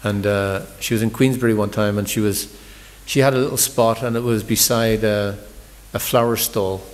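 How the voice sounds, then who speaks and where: A man's voice: lowish voice, steady tone, normal speed, in a large hall. A man giving a morning scripture class, talking in a conversational storytelling sermon, often repeating words as he restarts. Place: large temple hall.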